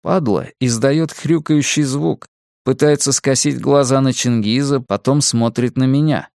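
A man narrating a first-person audiobook in a slow, wry storytelling manner. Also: mid-range voice, vocal fry, darkish tone, no echo, clean studio sound.

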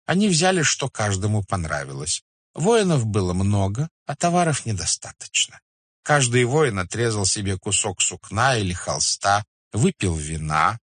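A man putting on a bowing, servile merchant elder who heaps up polite phrases, pitched a little higher than his own low voice yet still deep. The recording is close and dry, with no room sound. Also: big pitch swings, moderate pace, fairly bright tone, no room sound. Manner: flowery, deferential, pleading. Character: obsequious older male Hanseatic merchant elder. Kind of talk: audiobook character voice.

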